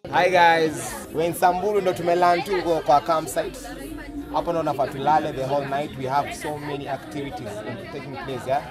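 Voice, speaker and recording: A young man with a Kenyan accent giving a playful shout-out at a campsite, mixing English and Swahili while hyping the viewers. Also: on the high side, flat delivery, a little fast. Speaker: fellow traveler and YouTuber. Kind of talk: casual vlog shout-out. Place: outdoors at a campsite shelter. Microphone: phone camera at arm's length. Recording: music and crowd noise behind. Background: music and people talking.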